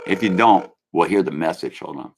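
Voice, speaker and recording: A man's voice: low-pitched, animated, fairly quick, creaky, a little hiss or hum. A man hosting his own online show, ranting loosely and calling his viewers kids. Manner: brash, swaggering, addresses viewers as kids. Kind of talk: rambling live-stream rant.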